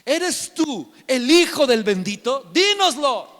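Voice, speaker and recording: Man playing exasperated high priest, shouted, high-pitched, reverberant hall. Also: big pitch swings, takes it slowly, full character voice. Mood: demanding. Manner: shouted, pressing.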